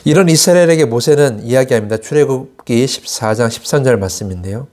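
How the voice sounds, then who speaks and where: A man's voice: medium pitch, a little fast, a little mellow. A man preaching a Sunday sermon as pastor, asking rhetorical questions and acting out quoted complaints in a raised voice. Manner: asks the congregation rhetorical questions.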